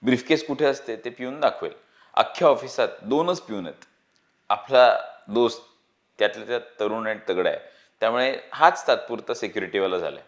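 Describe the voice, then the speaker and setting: A man reading a novel aloud in a steady, expressive storytelling manner. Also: medium pitch. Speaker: book reader.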